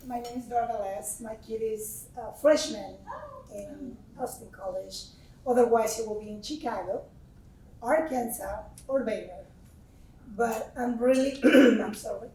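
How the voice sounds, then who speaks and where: A woman in her forties from Mexico City, with a Mexican Spanish accent, speaks up from the audience in a large meeting room as a grateful parent, chatty and laughing often. Her voice is fairly high, a little slow and warm, and it sounds echoey and far from the mic.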